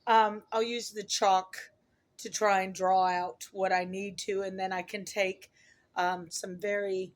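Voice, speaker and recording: Hoarse middle-aged woman vlogging casually. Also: medium pitch. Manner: rambling, self-correcting, chuckles at own remarks. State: hoarse from a lot of talking. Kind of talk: casual chat to camera.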